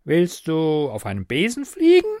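A man reading a story aloud, voicing Sally, a small, boastful and cheeky male kobold in a high, excitable, wheedling voice. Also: normal speed, no echo, clean studio sound.

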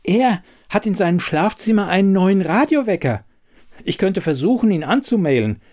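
A man's voice: sits high, expressive, moderate pace, a little mellow, pitched above the performer's own voice. A man voicing an anxious male smart fridge in an audiobook, fretful and worried. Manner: fretful, increasingly panicked. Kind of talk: audiobook reading.

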